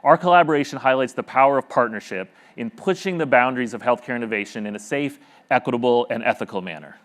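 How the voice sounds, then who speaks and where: A man giving a formal, steady scripted presentation. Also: mid-range voice, quick pace.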